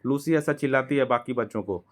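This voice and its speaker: A male teacher explains a children's story. He reads each line slowly, then explains it in Hindi and acts out the characters' lines. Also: medium pitch.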